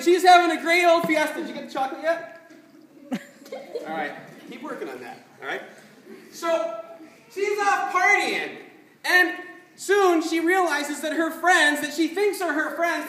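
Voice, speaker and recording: Youth leader telling a bible story, high bright voice, chuckles a lot, echoey room, far from the mic. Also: a little hiss or hum. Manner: playful, chuckling, directing listeners to act parts. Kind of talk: interactive Bible story retelling to a group.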